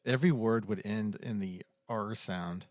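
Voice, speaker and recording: A man's voice: lowish voice, a little slow, no echo, clean studio sound. An American man co-hosting a podcast, easygoing and often answering with short agreements. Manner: easygoing, brief agreeing replies. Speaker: podcast co-host. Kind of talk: casual chat.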